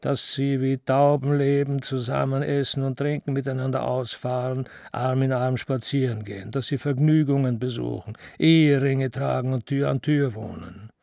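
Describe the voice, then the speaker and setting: A man's voice: medium pitch, steady tone, moderate pace, vocal fry, few pauses, warm tone, dry recording, clean studio sound, close to an everyday voice. A man reading the part of a sly, scheming old father, smug and insinuating.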